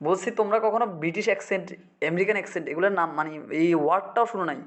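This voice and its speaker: A man's voice: sits high, racing. A male English teacher from Bangladesh drilling vocabulary in a classroom, repeating words and quizzing his students.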